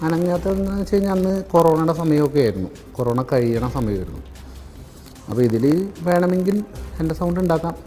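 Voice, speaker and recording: A man's voice: fairly high pitch, animated, fast, dark tone. Defensive man. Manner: defensive, rambling, asks questions back. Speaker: interviewee. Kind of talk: phone-in news interview.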